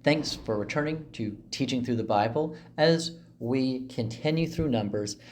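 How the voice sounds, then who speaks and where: A man's voice: mid-range voice, measured pace, a little mellow, faint music behind. A man in a mid-range voice explains a Bible passage as a teacher would. He talks casually and chattily, breaking up his sentences with asides and small fillers.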